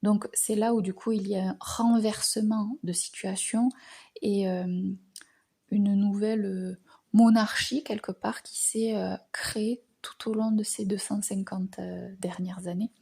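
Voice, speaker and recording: Slow, breathy French-born woman musing. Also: medium pitch, flat delivery, warm tone. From France. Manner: hesitant, frequent filler pauses, words trailing off into whispers. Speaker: astrology channel host. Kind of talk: reflective spoken monologue.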